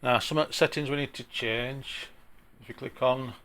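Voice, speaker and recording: Speaking in a broad Yorkshire accent, a man presents an informal software tutorial in a plain-spoken, chatty manner. His gravelly, medium-pitched voice is steady in tone and a little slow.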